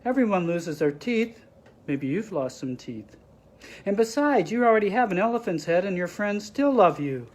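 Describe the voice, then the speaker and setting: A man voicing a tiny, loyal male mouse with a squeaky voice in a storybook reading. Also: lively intonation, normal speed. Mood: reassuring.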